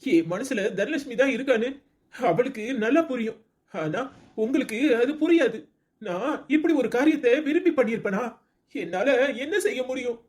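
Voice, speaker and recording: A woman's voice: on the high side, expressive, normal speed, a little mellow, pitched below the performer's own voice, lightly acted. A woman voicing a heartbroken young village man in a cartoon, speaking with a Tirunelveli Tamil accent and a pleading, defensive manner.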